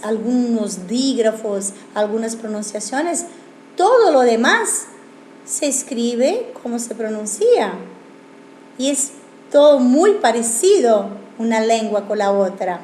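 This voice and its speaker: A woman's voice: on the high side, darkish tone, slight background noise. A woman teaching a language lesson, asking rhetorical questions and explaining with examples. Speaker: Italian teacher. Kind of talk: video lesson. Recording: echoey room.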